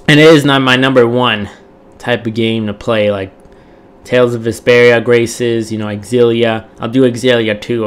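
A man's voice: mid-range voice, a bit bright, smooth. A tired young man hosting a gaming channel, chatting casually to viewers in a rambling, repetitive way, his throat still recovering from strain. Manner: rambling, repetitive, with many fillers.

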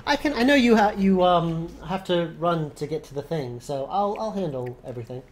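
A man's voice: a little high, animated, brisk, crowd noise. A middle-aged man giving casual livestream commentary as a game developer, on a desk mic indoors. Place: small indoor home office. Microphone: desk microphone, seen. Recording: game music and dialogue behind.

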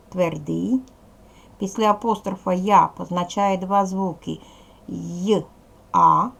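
Female primary teacher, gravelly edge, patient question-and-answer manner for young kids. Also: lowish voice. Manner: patient, asks pupils questions and answers them herself. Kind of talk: video lesson for young pupils.

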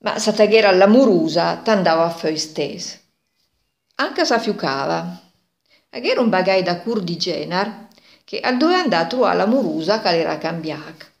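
A woman's voice: on the low side, expressive, normal speed, vocal fry. A woman in her sixties with a Milanese accent, telling a story informally in dialect and acting out bits of dialogue. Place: small kitchen indoors. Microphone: phone at arm's length. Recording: echoey domestic room.

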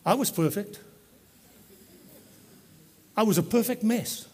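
A man's voice: high voice, slow pace, mellow, slightly rough. A man preaching a sermon as pastor, talking to the congregation in a conversational, joking way. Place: church.

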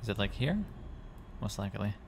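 A man's voice: on the low side, brisk, creaky, a little hiss or hum. A man giving rambling gameplay commentary, thinking aloud and correcting himself as he goes. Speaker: gaming commentator.

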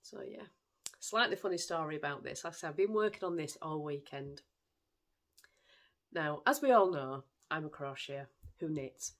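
A woman's voice: low-pitched, lively intonation, moderate pace. Woman, podcast host, casual self-mocking chat at home. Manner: chatty, self-deprecating storytelling.

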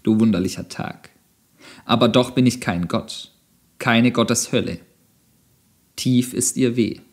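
A man reading a philosophical text aloud as an audiobook, declaiming with dramatic pauses. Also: medium pitch, darkish tone. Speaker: audiobook narrator.

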